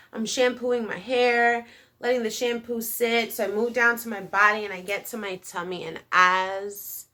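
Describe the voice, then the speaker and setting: Female vlogger, thirties, bright forward voice, chatty slangy storytime delivery aimed straight at the audience. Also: a little high, creaky. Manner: chatty and animated, slangy, addressing viewers directly. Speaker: video channel host. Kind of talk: casual first-person storytime vlog.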